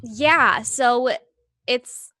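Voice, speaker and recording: A woman's voice: on the high side, drawn-out words, sharp tone, no echo. A woman co-hosting a health podcast, upbeat and giggly, reading listener questions. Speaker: podcast co-host. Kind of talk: casual podcast chat.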